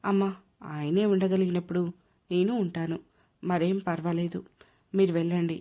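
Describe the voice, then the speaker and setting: A woman's voice: on the low side, steady tone, moderate pace, close to an everyday voice. A woman voicing a wronged young wife who is hurt, indignant and proud. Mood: quiet, resigned. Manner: tearful, indignant. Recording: dull lo-fi recording.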